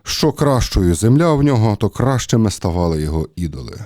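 A man with a low, mellow voice preaches a homily in an easy, talky way. He stops often with fillers as he thinks aloud. The sound is close and dry, with no room echo. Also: sing-song, a little fast. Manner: conversational, hesitant with many fillers. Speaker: priest. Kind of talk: sermon.

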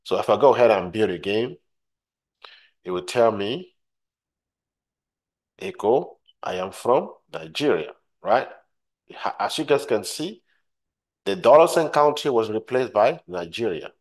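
A man giving a screen-recorded software tutorial, walking through steps and often checking in with "right?" while repeating his points. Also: medium pitch, expressive, a little slow, pauses often. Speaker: tutorial instructor.

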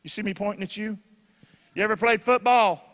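A male pastor preaching in a church, his bright, forceful voice sitting high for a man. He keeps asking the congregation questions and breaks into excited shouts. The sound rings with the long reverb of the hall. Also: brisk. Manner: bursts into shouting when excited. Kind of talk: sermon.

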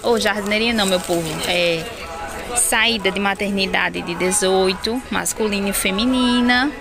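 A woman with a Pernambuco accent from northeastern Brazil holds her phone to film a tour of her wholesale baby clothing shop, chatting away, rattling off prices quickly and calling viewers "gente." Her voice is medium in pitch, with music and crowd noise in the background.

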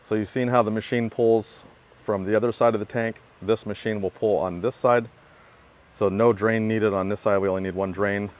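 Speaking at a normal speed with fairly even intonation, a man with a lowish voice walks around a work truck outdoors in a parking lot. He's the equipment builder, giving a casual, matter-of-fact product walkthrough while holding the phone that films it.

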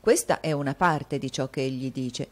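A woman's voice: extremely low pitch, normal speed, a little mellow. A woman reading an audiobook, voicing a gossipy, meddling male actor with an insinuating, confiding tone. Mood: sly gossip.

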